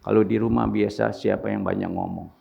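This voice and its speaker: A man preaching a sermon as pastor, in a joking, punchy way with sudden loud rises, with in his speech. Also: lowish voice, level tone, fairly quick, gravelly, muffled recording, a little hiss or hum. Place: church hall with congregation.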